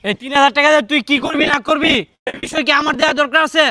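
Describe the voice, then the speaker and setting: A man voices a greedy office manager in a short-film drama, speaking in a with sneering, threatening scorn. The voice sits high and bright and comes out quick. The sound is dry and close. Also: steady tone, no room sound.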